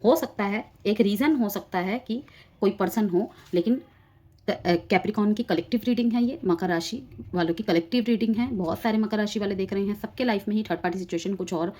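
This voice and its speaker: A woman's voice: mid-range voice, a little fast, mellow. A woman giving a collective tarot reading, explaining the cards straight to her viewers and mixing in English words. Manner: explanatory, addresses viewers directly, drifts between Hindi and English. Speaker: tarot reader.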